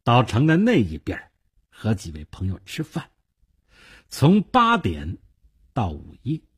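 Man reading as sly older rich uncle, husky and unhurried, calm persuasive manner. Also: mid-range voice, heavily acted. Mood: calm scheming. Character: shrewd older wealthy male uncle, calm and scheming.

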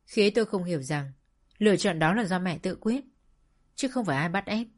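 A woman narrating a sad first-person story in a slow, sorrowful storytelling manner. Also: on the low side, expressive, faint music behind.

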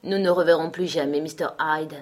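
A woman reading the part of a sober male gentleman in an audiobook, speaking in a measured, dry way. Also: sits low, steady tone, close to an everyday voice. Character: man, a sober gentleman stroller.

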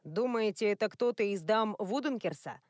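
A woman's voice: mid-range voice, expressive, moderate pace, a little mellow, dry recording, studio quality, natural voice. A woman reading the part of a flustered, impatient young male police inspector. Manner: sighing, exasperated.

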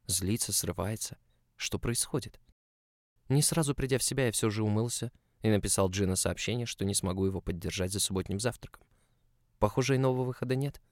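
Reading a first-person story in an emotional, confessional tone, this male audiobook narrator has a low, even voice. There's no echo at all; the recording is dry.

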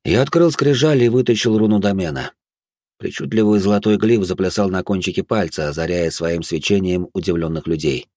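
A man reading an audiobook in the first person, steady and even. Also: low-pitched, fairly quick, no echo, clean studio sound. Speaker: audiobook narrator.

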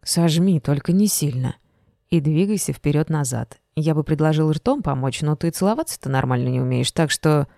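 Female reader doing a crude, gruff young farmhand for an audiobook, low-ish and mellow. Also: lively intonation, moderate pace, no echo, clean studio sound. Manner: blunt, coarse. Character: rude gruff young village man.

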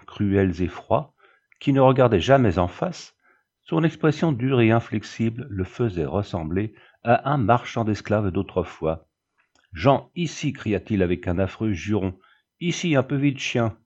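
A man reading a story aloud in a measured, descriptive narration. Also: fairly low pitch, darkish tone, husky, dull audio. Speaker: audiobook reader.

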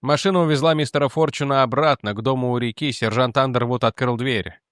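Man, audiobook narrator, steady even reading, medium pitch, dry close recording. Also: brisk, no room sound. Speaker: audiobook reader. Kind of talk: scripted narration.

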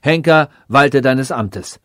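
A man's voice: medium pitch, slow, a bit bright, no room sound, clean studio sound. Man doing a cruel, mocking king. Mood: scornful. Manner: mocking, scornful and commanding. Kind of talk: audiobook reading.

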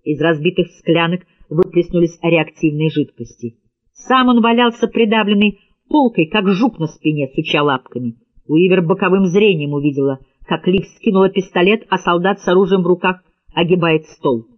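A man's voice: high-pitched, normal speed, dull audio. A man narrating an audiobook in a tense, dramatic reading style. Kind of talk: scripted narration.

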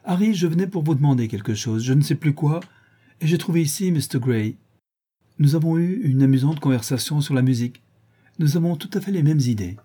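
A flighty aristocratic lady chatters breathlessly in a raised, lighter voice, jumping from one thought to the next, as a male reader puts her on. The timbre stays dark and a little husky underneath. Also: a little high, lively intonation, brisk, pitched above the performer's own voice. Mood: gushing. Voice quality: chattering, breathless flitting from idea to idea.

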